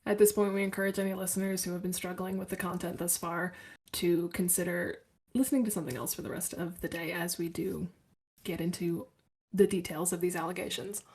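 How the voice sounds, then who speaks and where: A woman's voice: fairly low pitch, fairly even intonation, fairly quick, darkish tone. A woman co-hosting a podcast in casual chat, blunt and emphatic. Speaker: podcast co-host.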